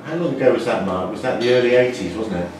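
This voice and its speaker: A man in his forties, a brewer, explaining things in a measured way with frequent restarts during an interview in a brewery. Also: mid-range voice, animated. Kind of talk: interview answers. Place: indoor brewery floor. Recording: echoey, distant, noisy brewery room.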